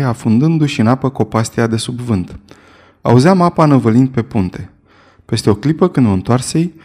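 A man's voice: mid-range voice, a little mellow. Man narrating a story. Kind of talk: scripted first-person narration.

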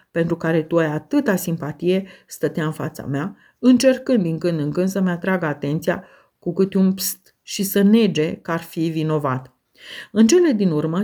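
Mellow woman narrating an audiobook. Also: lowish voice. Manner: expressive, measured storytelling. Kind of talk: first-person audiobook narration.

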